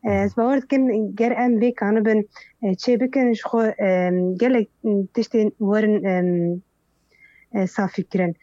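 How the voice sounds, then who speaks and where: A woman guest on an interview, pausing often and filling gaps as she talks. Her voice is mellow and dark, recorded dry and a little muffled, with no room sound. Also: mid-range voice, fairly even intonation, no echo. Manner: hesitant, many fillers. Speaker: festival organizer, guest. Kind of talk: interview answers.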